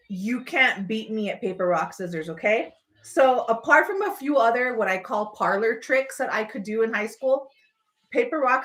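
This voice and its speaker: Playful, rambling woman livestreamer. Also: fairly high pitch. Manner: animated, playful, rambling, emphatic. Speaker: livestream host. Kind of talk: casual livestream chat, personal storytelling.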